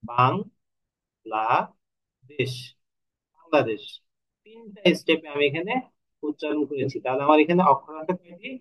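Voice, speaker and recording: A man with a Bangladeshi Bengali accent teaching an online lecture, explaining step by step with rhetorical questions and slowly stretching syllables to demonstrate. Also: fairly high pitch, lo-fi sound. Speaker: Bengali literature tutor.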